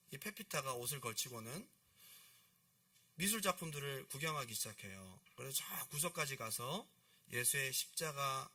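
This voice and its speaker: Male preacher, storytelling sermon, acts out dialogue; bright tone, swooping delivery, distant church mic. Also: medium pitch. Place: church sanctuary.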